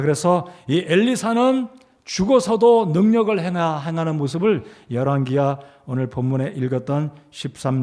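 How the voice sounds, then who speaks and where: Korean pastor preaching with dramatic emphasis. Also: male voice, on the high side, mellow. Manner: reads scripture with acted emphasis, rising sharply for quoted commands; asks the congregation questions and leads them in repeating verses. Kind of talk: sermon. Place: church sanctuary. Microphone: handheld or stand mic.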